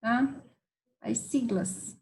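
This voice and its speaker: A woman's voice: a little high, vocal fry, poor audio. A woman teacher, patiently explaining a grammar lesson and checking in with her students as she goes. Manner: patient, spelling words out slowly with frequent "tá?" and "certo?" checks.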